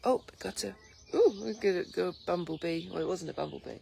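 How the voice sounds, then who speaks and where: Freshly woken, a woman from Lincolnshire, England, chats on a morning livestream from her garden in a low-ish, croaky voice, talking fairly quickly and rambling with lots of ums. Her phone camera records loud birdsong and a light breeze, with faint music behind.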